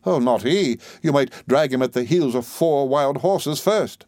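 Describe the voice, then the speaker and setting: A man's voice: a little slow, darkish tone, no room sound, clean studio sound, natural voice. A man voicing a fussy, overbearing old widow who gushes and talks with heavy emphasis. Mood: gushing. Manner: shrill, emphatic, gushing. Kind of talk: audiobook character reading.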